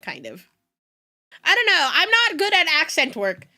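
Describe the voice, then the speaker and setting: Woman streamer, trained voice actor, bright voice, rambling chat. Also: extremely high pitch, huge pitch swings, moderate pace. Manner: rambling with many fillers; trained in voice acting. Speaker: streamer reacting to videos.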